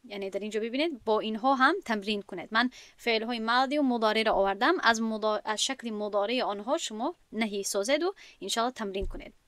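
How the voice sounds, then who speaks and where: A woman's voice: on the high side, fairly bright tone, dry recording. A woman with a Tajik accent teaching an Arabic grammar lesson, methodically reciting conjugation tables aloud.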